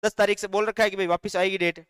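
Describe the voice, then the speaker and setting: A man with a Rajasthani accent teaches a live online class, pitching his voice high and speaking in a smooth, clear tone. He dictates notes at a slow pace, breaks into lines of folk songs, and answers comments from the chat. The recording is dry and close, with little room sound. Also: flat delivery, fairly bright tone, dry recording.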